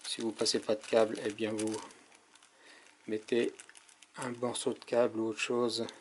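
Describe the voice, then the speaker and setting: A man's voice: fairly low pitch, flat delivery, unhurried, a little hiss or hum. A man giving a casual hands-on product demonstration as a tech reviewer, explaining step by step with frequent hesitations.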